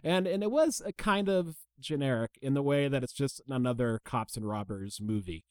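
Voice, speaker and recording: A man's voice: medium pitch, normal speed, clean tone, dry recording, clean studio sound. Stammering man hosting a movie chat. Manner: stammering restarts, eager questions. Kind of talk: casual movie review chat.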